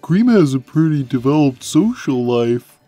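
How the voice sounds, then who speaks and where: A low, mellow voice for a huge, gentle male cartoon cat, performed by a woman. He talks slowly and plainly, placid and deadpan in a simple-minded way. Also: no echo, muffled recording, soft background music, heavily acted. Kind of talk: animated character Q&A, fan dub.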